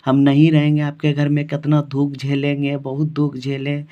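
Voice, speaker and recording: A man's voice: a little high, completely flat delivery, moderate pace, natural voice. A man with a Bihari Hindi accent voicing a sulky young mother complaining about her mother-in-law, in a dull lo-fi recording. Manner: whiny, complaining.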